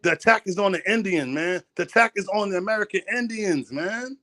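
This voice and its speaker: A man's voice: high voice, brisk, fairly bright tone, no echo. A man in a heated debate, insistent and talking over the others.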